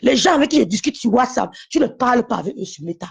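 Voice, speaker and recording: Insistent high-voiced husky woman. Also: lively intonation, fast. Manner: insistent, repetitive, confrontational. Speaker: live-stream guest. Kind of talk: heated live-stream call.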